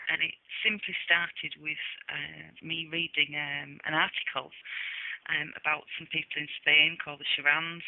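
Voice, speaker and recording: A woman from England, a hypnotherapist speaking as a guest in a phone interview, easygoing and quick to laugh. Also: sits low, dry recording. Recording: dry tinny phone line.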